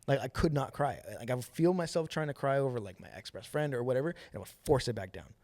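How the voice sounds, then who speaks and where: A man's voice: medium pitch, fast, dry recording. A man hosting a podcast, telling a personal story in casual, slangy chat and acting out what people said. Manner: slangy and animated, acts out quoted dialogue. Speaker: podcast host telling his testimony.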